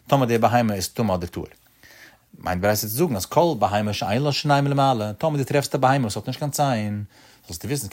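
A man's voice: fairly low pitch, darkish tone. A man teaching a religious law lesson, posing rhetorical questions in a rising, sing-song study cadence.

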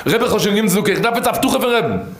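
A man doing a high, pleading shopkeeper. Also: lively intonation, very fast, a little hiss or hum. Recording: roomy echo.

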